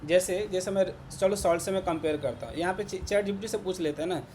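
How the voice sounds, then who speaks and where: A man's voice: high-pitched, a little fast, darkish tone, a little hiss or hum. A man with an Indian Hindi accent teaching a programming class to students. He keeps checking in with his listeners, repeating words and asking whether they follow. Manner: repetitive, checks in with "ठीक है ना" constantly. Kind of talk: classroom lecture.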